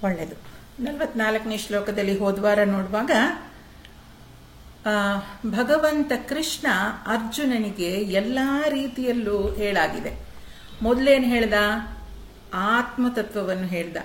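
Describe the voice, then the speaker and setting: A woman teaching scripture to beginners. She asks and answers her own questions, and chants each verse slowly before she explains it. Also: mid-range voice, slight background noise. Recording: roomy echo.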